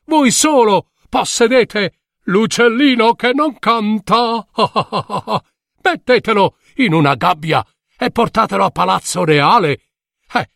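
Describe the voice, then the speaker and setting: Male narrator voicing mocking townsfolk; high, laughing jeers; storybook reading. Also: creaky, dry recording, clean studio sound, exaggerated voice. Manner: jeering, laughing, high and bright. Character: mocking village folk, loud and teasing.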